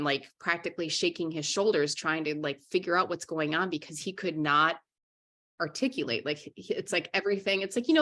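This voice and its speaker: A woman's voice: sits low, pushed and bright. A young adult woman from Minnesota, an interview guest talking frankly and candidly, often restarting her sentences. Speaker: interview guest, writer and journalist.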